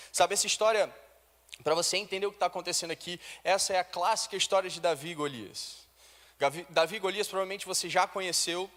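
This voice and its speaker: A man preaching a sermon as a pastor, retelling a story in lively modern slang with acted dialogue. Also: high voice, long reverb tail. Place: church.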